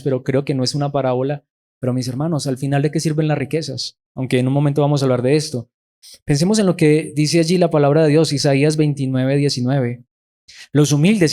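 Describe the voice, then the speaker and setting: A man's voice: mid-range voice, dark tone. A man preaching a sermon. He calls his listeners brothers, asks them questions and acts out prayers to God.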